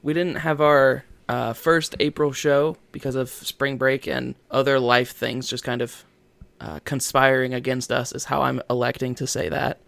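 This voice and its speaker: A man co-hosts a casual podcast, dropping dry jokes and wordplay. His voice has a gravelly, fry-laden texture, recorded close with no room echo. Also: mid-range voice, level tone, moderate pace, a bit bright. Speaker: podcast co-host. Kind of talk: casual chat.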